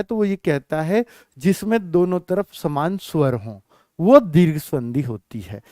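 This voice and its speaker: A man's voice: high-pitched, clear, resonant tone, no echo, clean studio sound. A man teaching a grammar lesson, calling his students kids and asking them questions that he then answers himself. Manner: animated, calls students "beta" and "bachcho", poses questions and answers them. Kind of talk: classroom lesson addressing students.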